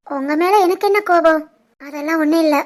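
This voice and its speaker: Woman doing a cartoon young wife, very high squeaky voice, Tirunelveli Tamil accent, reproachful. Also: brisk. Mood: cold. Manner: reproachful, pleading, tearful. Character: young village wife, hurt and proud. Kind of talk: animated family drama voice acting.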